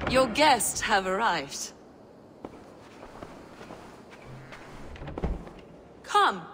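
A woman's voice: mid-range voice, fairly bright tone, big-room sound, a little hiss or hum. An actress playing a mocking, sinister zealot woman in a video game, speaking with theatrical, mock-polite menace. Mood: mock cheerful. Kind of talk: video game dramatic acting.

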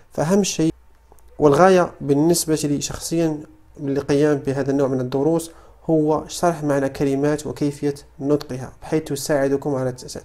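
A man with a Moroccan Arabic accent teaching English vocabulary in Arabic. He explains each word and repeats its pronunciation slowly, several times over. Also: a little high, darkish tone. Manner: slow, repeated model pronunciations of English words. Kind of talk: Arabic-language English lesson.

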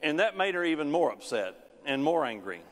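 This middle-aged pastor talks fairly quickly with big pitch swings, walking back and forth across the stage as he preaches in a large sanctuary. His loudness shifts dramatically too, and a long reverb fills the church hall.

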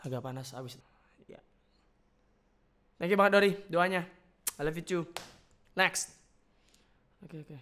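Playful young man with a smooth voice. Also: fairly high pitch, fairly bright tone. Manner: playful, chatty, quick reactions. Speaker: vlogger reacting to fan voice notes. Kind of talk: casual chat.

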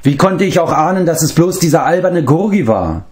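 A man's voice: on the high side, big pitch swings, normal speed, pitched above the performer's own voice. A man reading an audiobook, voicing a proud, touchy young male pig-keeper who speaks indignantly and brusquely.

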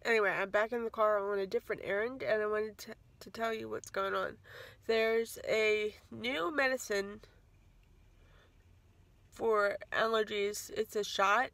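A woman's voice: mid-range voice, fairly even intonation, measured pace, a bit bright, dry recording. A woman in her thirties giving a casual, rambling vlog update into a phone held at arm's length. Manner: chatty, rambling, self-correcting. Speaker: vlogger. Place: home kitchen, then parked car.

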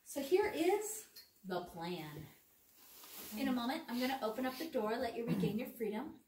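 A female tour guide, her voice on the high side with big pitch swings, speaks at a moderate pace in a slightly mellow tone. She chats playfully to a group in an echoing underground cave, recorded from a distance on a visitor's phone with faint noise.

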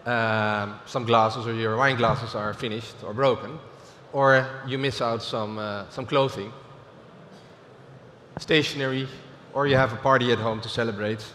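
A man's voice: medium pitch, fairly even intonation, unhurried, a bit bright, a little hiss or hum. A middle-aged man with a Dutch accent giving a business keynote on a large conference stage, speaking with frequent fillers and restarts. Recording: reverberant hall with faint ambience.

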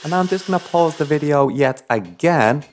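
A man's voice: a little high, animated, normal speed. A man hosting a cocktail recipe video, talking viewers through each step in a chatty, playful way with apologetic asides. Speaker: cocktail show host. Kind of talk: recipe tutorial voice-over.

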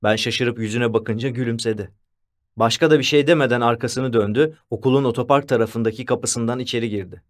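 A man reading an audiobook as the first-person narrator, in a measured storytelling manner. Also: medium pitch.

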